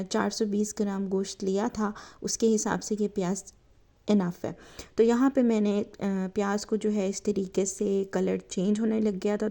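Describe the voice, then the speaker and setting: A woman hosting a home cooking tutorial, chatting as she lists the ingredients and fills her talk with soft fillers. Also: medium pitch, gravelly. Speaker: cooking channel host.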